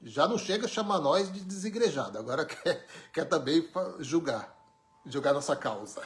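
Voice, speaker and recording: A man from Brazil, preaching an informal sermon with emphatic, wry rhetorical questions. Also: sits high. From Brazil, born in Pernambuco, raised in São Paulo.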